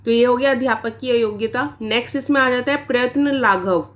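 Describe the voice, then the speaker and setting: A woman's voice: fairly high pitch, fairly quick. A woman teacher giving an exam-prep lecture, explaining points step by step and asking rhetorical questions as she goes. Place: online class recording.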